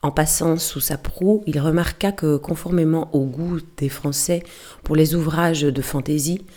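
A woman reading a novel aloud as audiobook narration, steady and measured. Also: low voice. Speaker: audiobook reader. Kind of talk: scripted narration.

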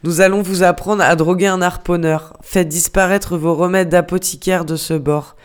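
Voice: medium pitch, steady tone, normal speed, smooth, close to an everyday voice. An audiobook reader voicing a sarcastic, hot-tempered male ship's mate who scolds a steward with mocking questions. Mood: scolding. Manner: mocking, hammering rhetorical questions. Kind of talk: audiobook character reading.

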